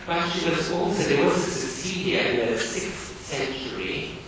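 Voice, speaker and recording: A man lecturing on a novel, reading passages aloud and explaining them in slow, deliberate, musing asides. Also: a little high, lively intonation. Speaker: literature lecturer. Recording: distant mic in echoey room with noise.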